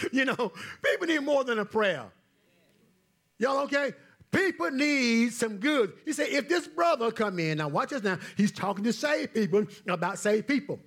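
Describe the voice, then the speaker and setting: Husky high-voiced man preaching. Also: very animated, a little slow. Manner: call-and-response preaching, swings from loud to hushed. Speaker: pastor. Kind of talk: sermon. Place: church.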